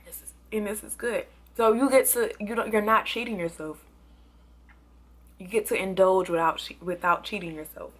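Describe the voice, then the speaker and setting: A young woman reviewing products in a casual, excitable vlog, sometimes talking with food in her mouth. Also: medium pitch, normal speed. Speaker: beauty and product vlogger.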